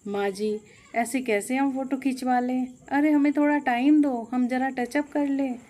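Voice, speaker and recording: A woman's voice: high-pitched, steady tone, moderate pace, dark tone, lightly acted. A woman voicing an angry young bride who protests and insists on a touch-up in a storybook tale. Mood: protesting.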